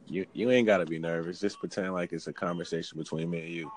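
A man's voice: low voice, steady tone, fast, slight background noise. Laid-back teasing man on a call. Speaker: radio-style host. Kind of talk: casual phone call banter.

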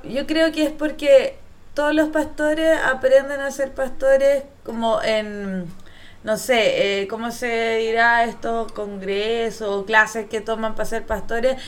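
A woman's voice: on the high side, slow pace. A woman with a Chilean accent telling stories in a casual chat, full of slang and laughter. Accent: Chilean Spanish. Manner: laughing, animated storytelling with slang. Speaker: podcast co-host.

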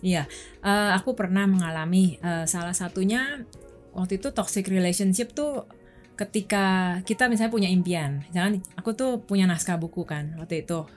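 A woman's voice: medium pitch, normal speed, faint music behind. A young adult woman from Indonesia, a guest on a chat show, telling candid personal stories in a casual way.

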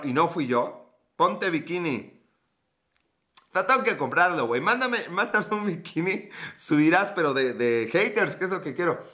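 A Mexican man with a bright, forceful voice pitched a little high, joking his way through a live stream. He talks in loose, slangy tangents and laughs often. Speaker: live streamer reading chat. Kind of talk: casual comedic live chat.

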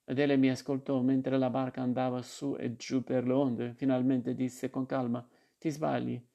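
A man reading a literary short story aloud in a calm, measured way, with small slips and restarts. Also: medium pitch. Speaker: reader.

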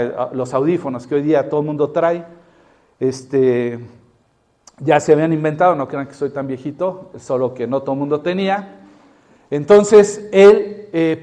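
Man telling a sermon story. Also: a little high. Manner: animated storytelling, acting out quoted voices. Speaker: preacher.

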